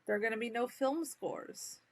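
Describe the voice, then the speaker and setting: A woman co-hosting a podcast in casual chat, making quick joking asides. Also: a little high, a crowd in the background. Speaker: podcast co-host.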